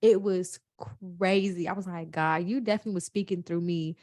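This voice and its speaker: A woman's voice: lowish voice, fairly even intonation, brisk, a little mellow, no echo. A woman, talking in a heartfelt, emotional way, close to tears. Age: 20s. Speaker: podcast co-host. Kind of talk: casual chat.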